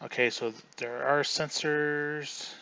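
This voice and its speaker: Man, livestream host, chatty, rambling, bright tone, muffled lo-fi sound. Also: fairly high pitch, fairly even intonation, slow pace, creaky, clean tone. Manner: chatty, rambling, often restarts mid-sentence. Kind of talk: casual livestream commentary.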